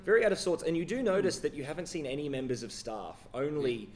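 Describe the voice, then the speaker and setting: A man with an Australian accent who narrates a tabletop horror game as game master, in a measured, descriptive way. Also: on the high side, very animated.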